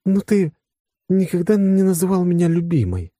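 A man's voice: high-pitched, big pitch swings, normal speed, warm tone, no echo, studio quality, voice pushed up. A man voicing a young woman officer in an audiobook, teasing and touchy, flaring up over what she holds. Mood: sheepish. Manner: teasing, flaring into possessive outbursts. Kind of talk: audiobook character voice.

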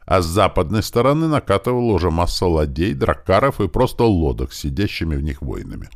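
Very deep-voiced man narrating an audiobook. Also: fairly quick, gravelly. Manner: lively, shouting out the characters' battle commands.

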